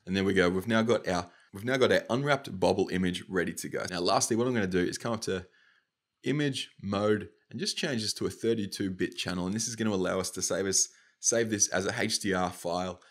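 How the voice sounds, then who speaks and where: Gravelly Australian man, slightly nasal. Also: low voice, brisk. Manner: casual, upbeat, talks through each click. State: nasal from hay fever. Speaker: motion design tutor. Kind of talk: software tutorial walkthrough.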